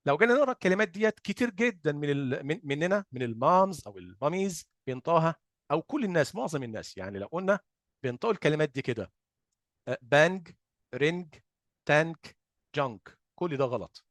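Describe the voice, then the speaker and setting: An Egyptian-accented man gives a phonics lesson in a slightly raised voice, asking questions and answering them himself. He stretches example sounds out slowly to demonstrate them. The recording is dry and close, with no room sound. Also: on the high side, big pitch swings, fairly bright tone, dry recording. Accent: Egyptian Arabic. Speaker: phonics teacher. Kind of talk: explanatory lesson.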